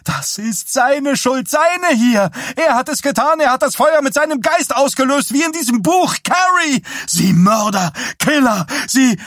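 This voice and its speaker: A man voicing a hysterical young woman who shrieks accusations in a shrill voice. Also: lively intonation, measured pace, few pauses, fairly bright tone, no echo, clean studio sound, heavily acted.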